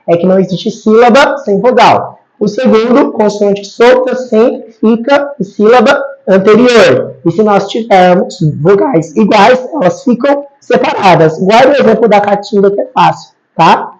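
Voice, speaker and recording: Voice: medium pitch, a little mellow. A teacher explains grammar rules at a board patiently, repeating each rule and checking in with the class. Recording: slightly dull lo-fi recording.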